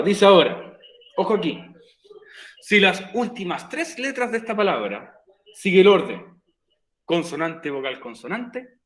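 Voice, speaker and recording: Patient man teaching in an echoey room. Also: high voice. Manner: patient, repeats the rule step by step. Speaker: English teacher. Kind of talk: virtual class explanation in Spanish. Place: room, recorded for an online class.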